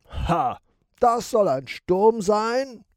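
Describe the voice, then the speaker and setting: A man playing a booming, boastful pirate captain. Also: very animated, extremely slow, no echo, clean studio sound, heavily acted. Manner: booming, blustering.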